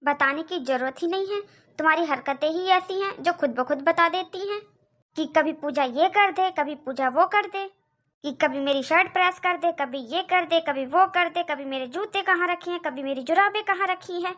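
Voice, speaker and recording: A woman's voice: extremely high pitch, normal speed, fairly bright tone. A woman voicing a quarrelsome young wife in a cartoon, complaining and arguing. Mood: angry. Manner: complaining, argumentative. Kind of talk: cartoon voice acting.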